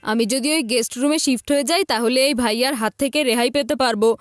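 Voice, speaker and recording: A woman's voice: on the high side, fast talker, a little hiss or hum, natural voice. An actress voicing a cheeky, mischievous little boy who teases and questions, in a cartoon dub. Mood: scheming. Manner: teasing, nosy, full of questioning grunts. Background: background music.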